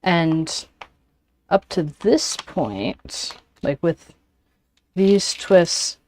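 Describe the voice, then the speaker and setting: A woman hosting a casual livestream, chatting with pauses as she works and sounding a little out of breath. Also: on the low side, animated, a little mellow, a little hiss or hum. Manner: unhurried, talks while working with frequent pauses. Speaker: origami livestream host. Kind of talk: casual livestream chat while folding.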